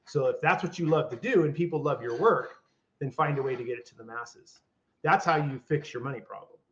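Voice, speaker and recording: A man's voice: mid-range voice, a little fast, a little hiss or hum. An older man co-hosting a podcast in casual chat, rambling with restarts and fillers. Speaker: podcast co-host. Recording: dull lo-fi audio.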